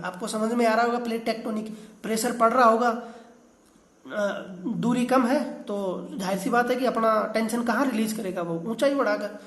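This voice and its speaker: Man, teacher, lecture, asks and answers himself, repeats key terms, roomy echo. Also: very high-pitched. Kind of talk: geography class lecture.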